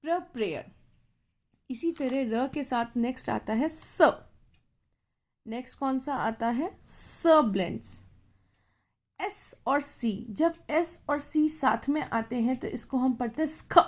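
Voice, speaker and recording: High-voiced teacher drilling phonics very slowly. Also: female voice. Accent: Indian English. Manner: drills sounds slowly, repeating each blend; mixes Hindi with English words. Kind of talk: phonics lesson for children.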